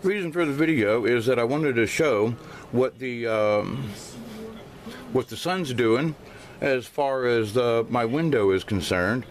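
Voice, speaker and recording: A medium-pitched man records an amateur vlog at home by a window, casually explaining things with hesitation, halting often and repeating himself. His swollen mouth slurs his speech a little, and the handheld camera microphone makes for a noisy recording.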